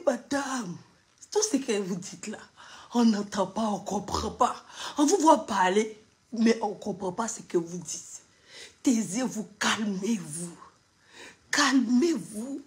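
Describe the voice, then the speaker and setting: A woman voicing an official who sternly questions someone and keeps repeating orders to calm down. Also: medium pitch, unhurried, lightly acted. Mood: stern, insistent. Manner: firm, repeating commands.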